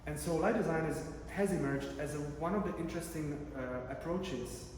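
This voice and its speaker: A Czech PhD researcher presenting at an academic conference speaks at normal speed in a fairly high, slightly mellow voice. His talk is conversational and loaded with fillers and restarts. Captured at a distance in a large conference room, the audio echoes and carries room noise.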